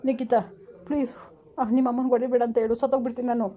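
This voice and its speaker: A menacing young village husband, played by a woman, snarls threats and insults at breakneck speed. The voice sits a little high but mellow and dark in color, and it stays within the acting of a village comedy skit. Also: little pitch movement, rapid-fire, lightly acted. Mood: pleading.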